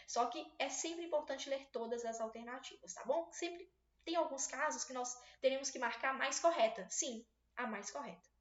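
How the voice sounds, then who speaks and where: A woman teacher with a high voice leads an exam-prep video lesson. She explains each step patiently and keeps checking that her students follow. The sound is roomy and a little dull. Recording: roomy, slightly dull recording.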